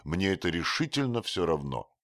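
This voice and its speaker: A man voicing a blunt, hot-tempered young archer who speaks loudly and forcefully in a read-aloud story. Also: deep voice, very animated, moderate pace, no room sound, studio quality, voice pushed up. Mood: gruff. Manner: loud and forceful.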